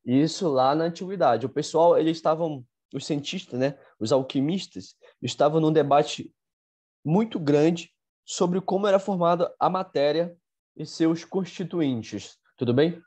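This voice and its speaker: A man teaching an exam-prep chemistry lesson, halting with fillers and asking "tudo bem?" after nearly every phrase. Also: a little high, a little mellow, husky.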